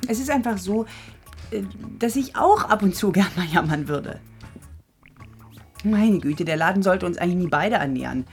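Weary, wry wife, lowish voice with lively swings, faint music. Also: female voice, moderate pace, long pauses. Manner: wry, chatty, exaggerated complaints. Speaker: frame shop owner.

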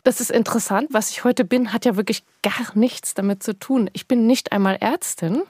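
A woman's voice: a little high, normal speed, darkish tone, husky, dry recording, studio quality. A woman of fifty who writes copy and books, talking candidly as a radio guest. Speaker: guest, copywriter and author. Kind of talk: conversational radio interview.

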